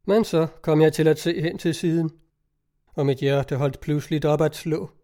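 Male storybook narrator, steady measured reading, warm mellow tone. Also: a little high. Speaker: audiobook narrator. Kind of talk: scripted narration.

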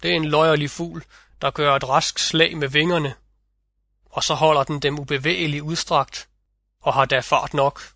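A man's voice: on the high side, level tone, vocal fry, sharp tone, dry recording, heavily acted. A man voicing the boastful male North Wind in a fairy-tale audiobook reading. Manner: boastful, vivid storytelling.

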